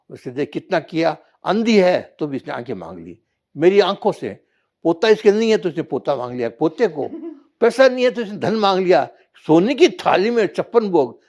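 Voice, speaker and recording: A man voicing Lord Shiva, a calm all-knowing male deity, in a patient lecturing way in a told parable. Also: on the high side, pitched above the performer's own voice.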